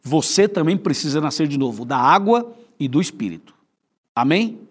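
A man's voice: fairly high pitch, big pitch swings, moderate pace, breathy edge. A man with a Brazilian Portuguese accent preaching an evangelistic sermon as a pastor, speaking intimately to the listener with repeated rhetorical questions. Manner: intimate, inviting address to the viewer.

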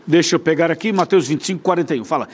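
A Brazilian man delivering a fervent sermon with a Brazilian Portuguese accent. His voice sits a little high for a man. He preaches in a rhythmic, repeating cadence. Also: racing, slight background noise.

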